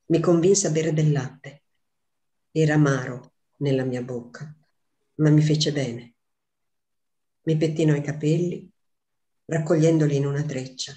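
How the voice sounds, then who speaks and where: Grieving young mother, read by a woman, slow measured storybook reading, even tone. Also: sits low. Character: young mother grieving her lost newborn. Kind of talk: literary reading.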